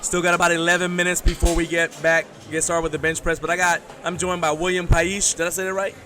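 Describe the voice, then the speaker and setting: A man's voice: a little high, little pitch movement, fast, noisy background. A man hosting a livestream, casually interviewing a competitor at a powerlifting meet. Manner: chatty, friendly questioning. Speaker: livestream host interviewing lifters. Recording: crowd chatter behind.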